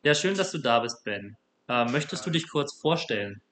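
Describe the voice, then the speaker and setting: A man's voice: mid-range voice, animated, normal speed, fairly bright tone, a little hiss or hum. A young man from Germany hosting a casual student podcast and encouraging his guests. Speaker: podcast host.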